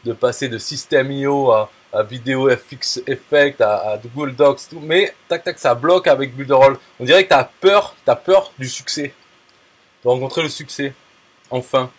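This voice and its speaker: Blunt, halting man. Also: medium pitch. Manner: halting, many fillers and restarts, blunt crude slang. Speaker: affiliate marketer. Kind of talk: casual talk to a viewer.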